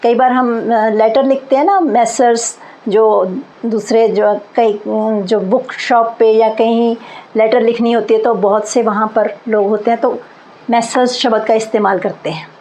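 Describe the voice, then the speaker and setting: A woman's voice: a little high, steady tone, unhurried, dark tone, poor audio. A woman teaching English grammar in Hindi, explaining patiently and repeating each example word.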